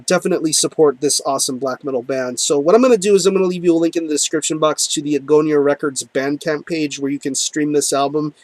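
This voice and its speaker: A man's voice: on the high side, a little mellow, no room sound. A man reviewing an album in a casual, enthusiastic monologue, full of ums and repeated words. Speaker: music reviewer.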